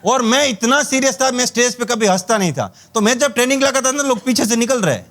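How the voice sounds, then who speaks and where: A man's voice: very high-pitched, expressive, quick pace, fairly bright tone. A man giving a motivational sales training talk, telling anecdotes and acting out dialogue with jokes. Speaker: network marketing trainer.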